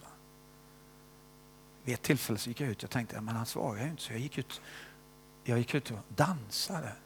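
An older man preaching a sermon and telling his own testimony, moving between loud stressed phrases and hushed whispers and often tagging questions onto his sentences. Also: mid-range voice, gravelly, slight background noise.

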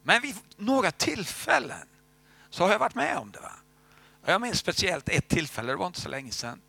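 A man's voice: high-pitched, sing-song, vocal fry, husky, no echo. A male preacher telling a testimony in a sermon, dropping to a near-whisper at the key moments. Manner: storytelling, drops to a hush at key moments.

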